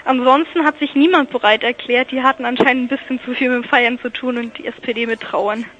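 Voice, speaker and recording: A woman's voice: high voice, fairly even intonation, quick pace, a bit bright. A woman reporting live for student radio over a poor phone connection, chatting with frequent fillers. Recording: lo-fi telephone line.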